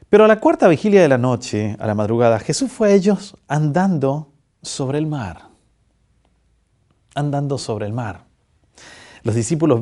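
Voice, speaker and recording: A man preaching a sermon, asking rhetorical questions and teasing his listeners. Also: medium pitch. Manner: animated preaching, rhetorical questions, teases the congregation. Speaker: pastor.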